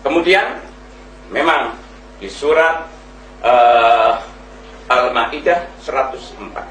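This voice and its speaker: A man's voice: medium pitch, takes it slowly, a bit bright, echoey room, distant mic, a little hiss or hum, rough recording. A man making an impassioned religious debate argument, reciting verses and acting out pleading voices. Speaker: debate speaker.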